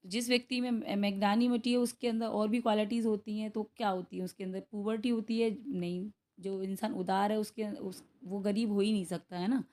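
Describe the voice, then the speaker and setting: A young adult woman with an Indian accent teaching English for an exam, explaining in Hindi mixed with English, reading each question out slowly and checking in with students often. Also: mid-range voice, steady tone, warm tone. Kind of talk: exam-prep lesson going through practice questions.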